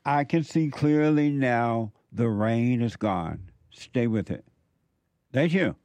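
Gravelly male host preaching slowly. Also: mid-range voice, lively intonation, darkish tone, no echo. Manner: slow, emphatic preaching with repeated phrases. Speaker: talk show host. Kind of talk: call-in and viewer-message talk.

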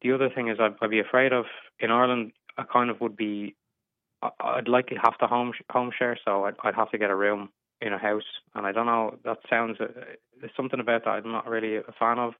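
A man's voice: mid-range voice, flat delivery, fast, dry recording. A man in his twenties calling in, hesitant and stammering through many restarts. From England. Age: 20s. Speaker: caller. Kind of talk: casual advice call. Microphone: phone. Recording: tinny phone line.

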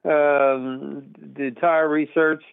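A middle-aged man from Texas phones a radio talk show, his voice on the high side, gravelly yet clean, level in tone and slow. He speaks earnestly and emphatically, wandering as he goes, over a tinny, dry phone connection with no room sound.

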